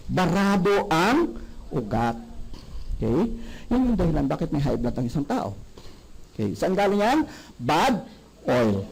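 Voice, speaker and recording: A man giving a sales seminar, animated and often asking the audience questions. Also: sits high, poor audio. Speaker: product presenter.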